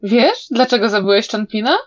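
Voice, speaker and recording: A woman voicing a sharp-tongued young male hero who cuttingly provokes and interrogates his enemy, in a slightly dull recording. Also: fairly high pitch, lively intonation, moderate pace. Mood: taunting.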